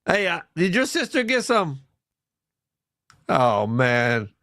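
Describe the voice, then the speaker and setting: A man's voice: fairly high pitch, wildly swooping pitch, slow pace, pushed and bright, no room sound, clean studio sound. A man co-hosting a casual chat show, teasing and joking in a laid-back way. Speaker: co-host.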